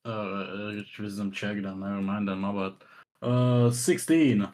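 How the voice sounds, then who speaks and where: A man's voice: lowish voice, fairly even intonation, a little slow, darkish tone. A man playing a tabletop game with casual improvised role-play, often repeating his phrases.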